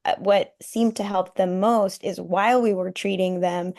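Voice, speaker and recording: A woman pediatric dermatologist in the audience adding her view after the talk, measured and complimentary. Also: medium pitch, steady tone, vocal fry, a little mellow.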